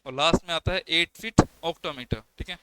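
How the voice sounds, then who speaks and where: In this exam coaching lecture, a young English lecturer with a slightly high voice talks a little fast over heavy background noise. He teaches poetry step by step, counting syllables out loud and using his own terms.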